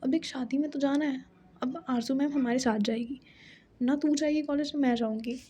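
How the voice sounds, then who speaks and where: A woman's voice: high voice, fairly even intonation, moderate pace, dark tone, a little hiss or hum, lightly acted. A woman voicing a bossy, teasing young woman who pushes her friends around in a playful way. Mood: coaxing. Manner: playful, pushy.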